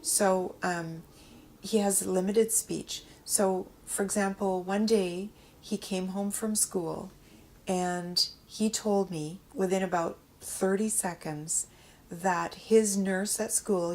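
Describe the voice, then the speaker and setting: A middle-aged woman in a casual interview, telling a family story in a lively way with frequent "um" pauses. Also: lowish voice, low-quality recording. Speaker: interviewee, mother of an adult son.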